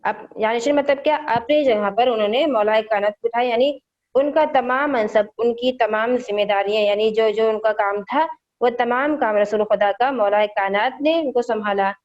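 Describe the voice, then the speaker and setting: A woman's voice: fairly high pitch, moderate pace. A woman teaching young children how to read the Quran, patiently repeating each point and quizzing them, heard over a dull, lo-fi online call.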